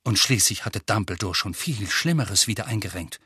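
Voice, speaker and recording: A man narrating an audiobook with expressive, lively storytelling. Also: lowish voice, moderate pace, slightly rough, no room sound, clean studio sound.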